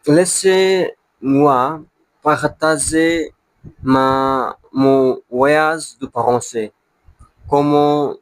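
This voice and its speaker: A man who is a beginner learner, speaking broken French with a non-native accent in a casual monologue, halting to search for words and repeating them. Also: medium pitch, clear, resonant tone, no room sound. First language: not French, a beginner learner of French. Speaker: language learner.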